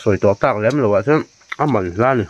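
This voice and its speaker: A man's voice: lowish voice, quick pace, highs cut off, slight background noise. A man talking casually and animatedly outdoors on a rat hunt, laughing now and then. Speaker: rat hunter.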